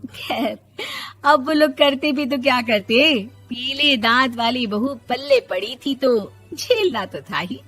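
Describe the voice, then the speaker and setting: A woman narrating a cartoon story in a lively, expressive way. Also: high voice, slow, dry recording, faint music behind.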